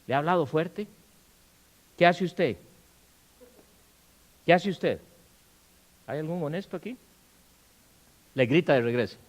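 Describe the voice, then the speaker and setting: A man preaching a sermon in a church, firing questions at the congregation and acting out quarrels in loud bursts. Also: on the high side, expressive, measured pace, long pauses, rough recording. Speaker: pastor. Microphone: handheld or stand mic.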